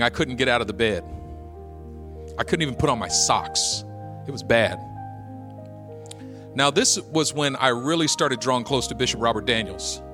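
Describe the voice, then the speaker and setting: A male pastor delivers a sermon in an average-pitched voice, easing into a chatty, funny story before pressing his point with urgency. Soft music plays faintly under him. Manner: conversational, humorous storyteller who builds to urgent exhortation.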